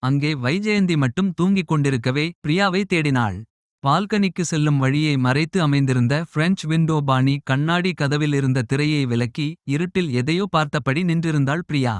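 A man reading an audio novel aloud in a steady, measured way. His voice is notably high for a man, and the recording is dry with no room sound. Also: no echo. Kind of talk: scripted narration.

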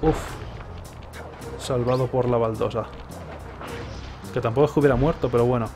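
A man's voice: mid-range voice, steady tone, normal speed. A man in his thirties with a Spain accent, giving casual, sarcastic, rambling commentary as he plays a game. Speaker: video game streamer. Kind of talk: casual live gameplay commentary. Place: indoors, streaming setup. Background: game music and effects.

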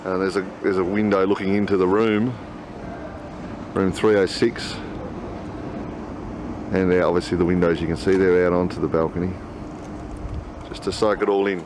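Outdoors by a motel and on city streets, a middle-aged man talks casually about his travels to a camera held at arm's length. He speaks in a deep, level voice at a moderate pace, pausing often, and the camcorder audio is noisy with street sounds.

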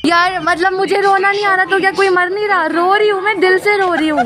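A woman's voice: very high voice, fairly even intonation, brisk. Young woman insisting on a phone. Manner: insistent, annoyed, pleading. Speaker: prankster. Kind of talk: staged prank phone call. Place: metro train. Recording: crowded noisy metro carriage.

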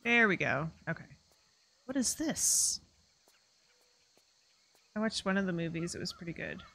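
Female streamer, casual chatty play-along commentary, slightly low voice. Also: lively intonation, quick pace, gravelly, bright, forceful tone. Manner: chatty, rambling, lots of fillers. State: hiccups. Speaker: streamer playing a game.

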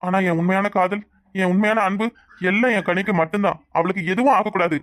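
A man plays a proud, loving cartoon husband who speechifies about hard work and his wife. His voice is high for a man and quick, recorded dry and close. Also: steady tone, a bit bright, dry recording. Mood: earnest. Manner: earnest, speechifying. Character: proud devoted young husband, brave about being broke.

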